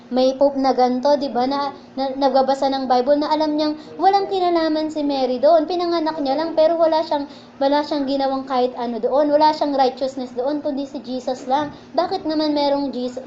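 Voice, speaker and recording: High-voiced Filipino woman preaching. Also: mellow, dull audio, slight background noise. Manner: conversational preaching, keeps asking di ba. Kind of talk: sermon. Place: church.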